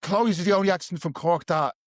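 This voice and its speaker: Quick-talking Irish man, higher voice. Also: no echo, studio quality. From Ireland. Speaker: podcast co-host. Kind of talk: casual chat.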